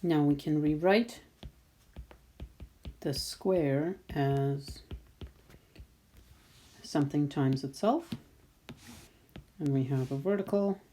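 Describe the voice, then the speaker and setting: A woman's voice: sits low, mellow, slight background noise. A woman math teacher talking patiently through a screen-recorded lesson, thinking aloud as she draws. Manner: slow, patient, thinking aloud while drawing.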